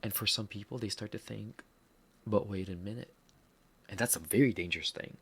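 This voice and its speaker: This podcast host, a man with a Filipino accent, reflects on a personal setback in an honest, earnest monologue laced with self-deprecating jokes. He speaks a little fast in a fairly low, husky voice that is fairly bright and carries vocal fry.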